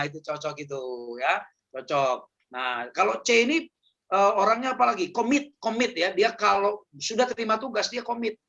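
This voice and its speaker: Male seminar speaker, chatty and joking, high bright voice with gravel. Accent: Indonesian. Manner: chatty, joking, repeats words, laughs often. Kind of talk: casual humorous talk on personality types.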